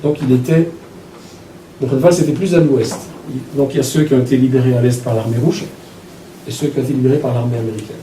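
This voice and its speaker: A man in his sixties from Belgium, an author recounting his childhood in a reflective, halting way. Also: mid-range voice, steady tone, warm tone, a little hiss or hum. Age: 60s. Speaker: author talking about his book. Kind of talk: personal storytelling talk. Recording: echoey room from a distance.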